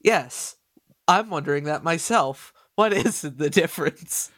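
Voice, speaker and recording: A man hosting a podcast, chatting casually with a nasal voice and excitable, stumbling delivery. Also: a little high, unhurried, no echo, clean studio sound. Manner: excitable, stumbling over words. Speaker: podcast host.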